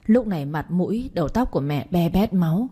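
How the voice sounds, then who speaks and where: A young woman narrating a first-person story in an audiobook with calm, earnest storytelling. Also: lowish voice, brisk, husky. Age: young adult.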